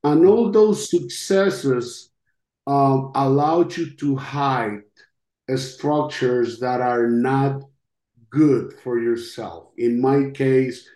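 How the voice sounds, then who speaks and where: Speaking slowly and reflectively, a middle-aged man from Costa Rica shares his testimony in an interview where he is both podcast host and guest. His Spanish-accented voice is medium-pitched and mellow, broken by frequent long pauses, and the recording sounds roomy and echoey.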